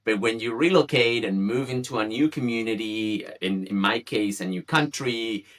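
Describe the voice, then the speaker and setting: Man, from Chile, native Spanish speaker, thirties, low-pitched, bright forceful tone, halting speech with fillers. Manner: hesitant, many fillers and restarts. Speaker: guest, community founder. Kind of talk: conversational interview.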